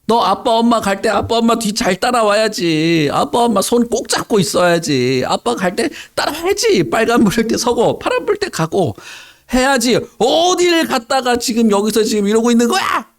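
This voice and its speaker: A man putting on a shrill, scolding mother. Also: sing-song, normal speed, heavily acted. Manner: shrill, nagging and exasperated. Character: scolding, frantic mother, adult woman.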